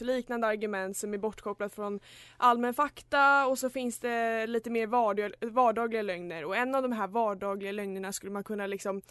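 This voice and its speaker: A young woman co-hosting a student radio show, chatting casually and reacting with quick short replies. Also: fairly high pitch, a bit bright, no room sound. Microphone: studio microphone.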